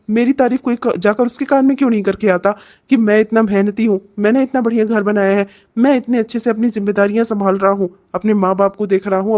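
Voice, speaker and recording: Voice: mid-range voice, a little mellow, lightly acted. A performer voicing a jealous young husband in a cartoon, sulky and complaining that no one praises him. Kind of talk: cartoon voice acting.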